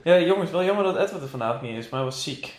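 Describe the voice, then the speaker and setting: A man's voice: fairly high pitch, lively intonation, rapid-fire. A young man co-hosting a casual chat, joking and laughing at his own remarks. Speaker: podcast co-host. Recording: echoey room.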